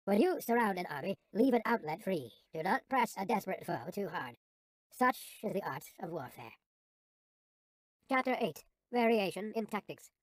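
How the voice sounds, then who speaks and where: A narrator with a sped-up, helium-like chipmunk voice reading an audiobook in a measured, formal way with falling phrase endings. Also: mid-range voice, no room sound.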